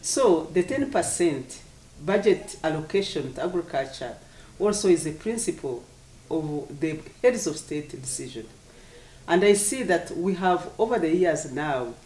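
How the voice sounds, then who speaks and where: An African-accented official of medium pitch gives formal, explanatory interview answers, heard at a distance in an echoey room. The delivery is deliberate, and key words get repeated for emphasis. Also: a little mellow, slight background noise. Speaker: government official, agriculture commissioner.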